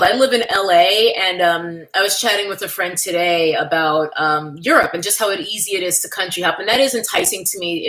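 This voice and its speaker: A woman from New York, running a casual livestream, reads comments and thanks viewers by name in candid chatter. Her mid-range voice comes across bright and forceful, though the recording is low quality.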